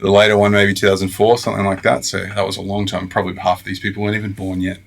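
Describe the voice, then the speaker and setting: A man's voice: low-pitched, little pitch movement, very fast, gravelly. A man with an Australian accent chatting casually as a podcast guest, joking and self-deprecating. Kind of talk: casual chat.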